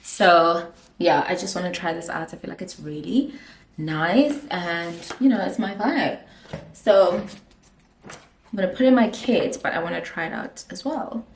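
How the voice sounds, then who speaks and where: A woman's voice: fairly low pitch, a little slow, a little hiss or hum. A young woman with a South African accent, chatting casually through a storytime vlog, giggly and dropping in Zulu phrases while getting ready at home. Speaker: vlogger, makeup artist. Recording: echoey room.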